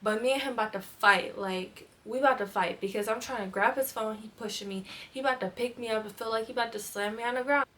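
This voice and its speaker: A woman's voice: fairly high pitch, fast talker, hardly any pauses, bright, forceful tone. A young woman, casually telling a storytime vlog with lots of filler "like"s.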